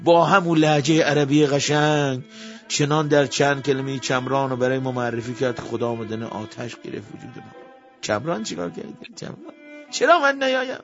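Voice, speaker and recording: A man giving an emotional memorial sermon, impassioned, swinging between hushed tones and loud appeals, on a dull lo-fi recording. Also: mid-range voice, steady tone, creaky, soft background music. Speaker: religious speaker.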